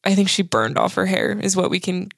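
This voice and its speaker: A woman's voice: mid-range voice, lively intonation, brisk, gravelly, no room sound, clean studio sound. A young woman co-hosting a podcast, recapping a sitcom episode in casual chat and filling her talk with "like". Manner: chatty, quotes lines with many "like" fillers. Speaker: podcast co-host.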